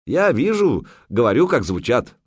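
A man voicing a gruff interpreter barking broken phrases. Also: medium pitch, very animated, a little mellow, pitched above the performer's own voice. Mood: demanding. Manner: broken halting speech, barked demands. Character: gruff male forest-tribe interpreter, broken speech, menacing.

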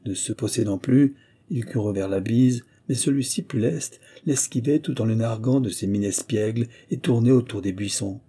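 A man reading a nineteenth-century short story aloud in a measured storytelling manner. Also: mid-range voice, warm tone, breathy edge. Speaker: audiobook reader. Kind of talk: scripted literary narration.

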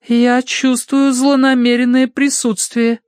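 A man reading an audiobook voices an imperious woman spirit medium who speaks in a slow, hoarse, eerie howl. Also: very high voice, little pitch movement, no echo, clean studio sound, voice pushed up. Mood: commanding. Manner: slow, commanding pronouncements. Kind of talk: audiobook character voice.

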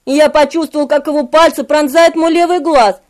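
A woman's voice: high-pitched, steady tone, moderate pace, darkish tone. A woman reading a novel aloud in a dramatic, vivid first-person narration. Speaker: audiobook narrator.

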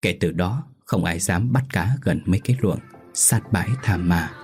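A man telling a scripted ghost story in a steady storytelling manner. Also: low-pitched, moderate pace, faint music behind.

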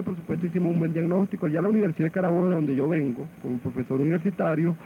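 A man with a Venezuelan accent, a hospital director interviewed on AM radio, halting and repeating words as he searches for them. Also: a little high, creaky. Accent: Venezuelan Spanish. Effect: AM radio broadcast sound. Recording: muffled AM radio with faint hiss.

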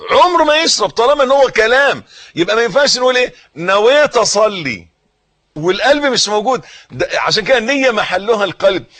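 A man with an Egyptian accent preaching a sermon, teaching by repeating phrases and putting questions to his listeners, rising to emphatic bursts and then sinking to hushed words. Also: very high-pitched, animated, rapid-fire. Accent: Egyptian Arabic. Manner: swings between raised emphasis and soft, hushed phrases.

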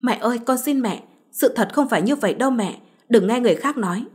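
A woman voicing a spoiled, vicious young woman who turns from pleading to threats, in a husky voice. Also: fairly high pitch, animated, fast, darkish tone. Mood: anxious pleading. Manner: shifts between pleading and snarling threats.

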